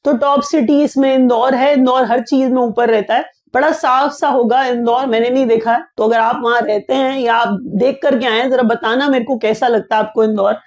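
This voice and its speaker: A woman's voice: on the high side, steady tone, normal speed, hardly any pauses, darkish tone. A woman teaching an exam-prep lesson in a conversational way, restating each point and asking the listener questions. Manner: explains by repeating and restating, asks the listener questions.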